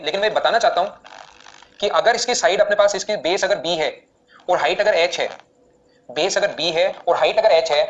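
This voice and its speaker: A man teaching maths in a live online class, explaining steps rapidly and repeatedly asking students questions. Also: high-pitched, fairly bright tone, highs cut off, slight background noise.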